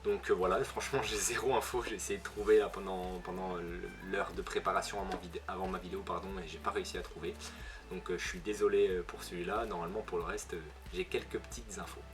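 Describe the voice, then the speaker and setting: Talking fast in a low, fairly even voice, this young manga video host from northern France, with a ch'ti accent, reviews manga in a relaxed way. He keeps saying fillers and correcting himself, while music plays behind.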